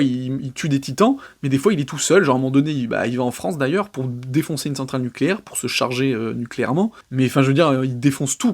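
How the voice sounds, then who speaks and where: Jeune homme franc qui démolit un film. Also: male voice, fairly high pitch. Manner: blunt and scathing, many fillers like genre and euh. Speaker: film reviewer. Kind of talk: casual film review monologue.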